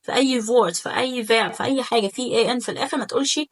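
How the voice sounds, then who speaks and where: Egyptian lady teaching german, kinda high voice, chatty, slows way down to drill phrases. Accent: Egyptian Arabic. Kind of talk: online language lesson.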